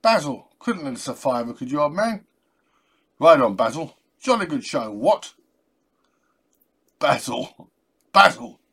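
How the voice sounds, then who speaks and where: A man playing a chummy upper-class English gentleman with a plummy, clipped manner. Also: fairly high pitch, very animated, unhurried, long pauses, slightly rough, heavily acted. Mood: jovial.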